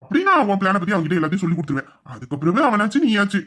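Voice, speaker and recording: A man's voice: sits high, very animated, rapid-fire, sharp tone, exaggerated voice. A man playing a teasing young husband in an audio drama, mock-stern and scolding. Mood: bargaining. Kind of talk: Tamil audio drama acting.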